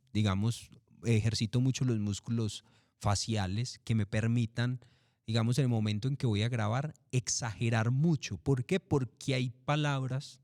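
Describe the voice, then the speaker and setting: A middle-aged man, a commercial voice-over artist talking in an interview, relaxed and repetitive, asking and answering his own questions. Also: medium pitch, no room sound, clean studio sound. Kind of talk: interview, casual explanation.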